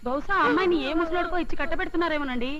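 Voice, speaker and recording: A woman's voice: very high-pitched, very fast, lo-fi sound, over a noisy crowd. An outspoken married woman. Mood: brisk. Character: chatty, sharp-tongued married woman. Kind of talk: film acting.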